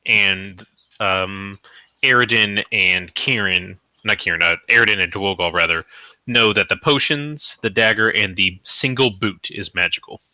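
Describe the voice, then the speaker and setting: A man serves as game master, listing loot and rules in a loose, rambling way with plenty of swearing. His voice is low-pitched but very bright and sharp, and it sounds dry and close. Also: a little slow, dry recording. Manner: casual, swearing, rambling narration with fillers. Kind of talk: running a tabletop game over a live stream.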